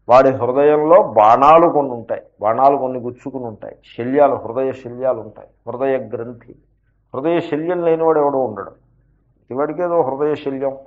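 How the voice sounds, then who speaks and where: A man teaching scripture as a spiritual teacher, explaining patiently and posing rhetorical questions with slow, emphatic asides. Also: medium pitch. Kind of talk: scripture lecture with commentary. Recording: dull lo-fi lecture recording.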